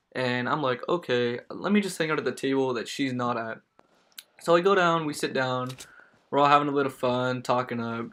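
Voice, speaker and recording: A man's voice: medium pitch, fairly bright tone. A young man casually telling a storytime tale as a vlogger, slangy and emphatic, with stammering restarts.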